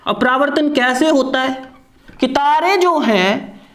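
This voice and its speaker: A woman's voice: high voice, animated, slow pace, fairly bright tone, roomy sound. A woman teaching an online lesson, who asks questions and answers them herself and repeats key points. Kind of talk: online lecture.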